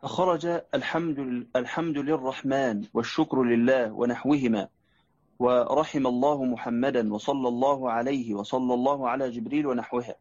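A man reading a classical religious text aloud to his teacher in a measured, formal recitation. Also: mid-range voice, fairly even intonation, darkish tone, no echo. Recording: muffled lo-fi recording.

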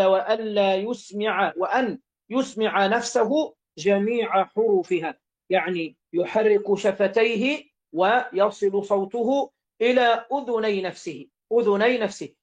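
A man with an Egyptian accent teaching religious law, reading each line of a classical text aloud, then repeating and explaining it. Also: high-pitched.

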